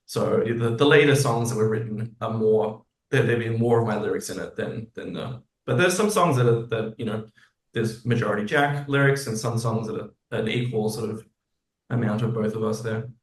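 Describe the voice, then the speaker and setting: Here the Australian composer-lyricist is a guest on an interview, relaxed and thoughtful, pausing as he gropes for the right phrasing. He speaks at a moderate pace in a lowish voice, and the room echo is noticeable.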